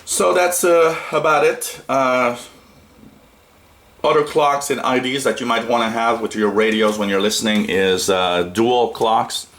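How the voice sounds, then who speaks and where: A mid-range, slightly bright male voice moves at a measured pace. The speaker, a shortwave radio hobbyist from Canada, demonstrates a product from his radio desk in a small indoor room, his casual tutorial unscripted, halting and meandering.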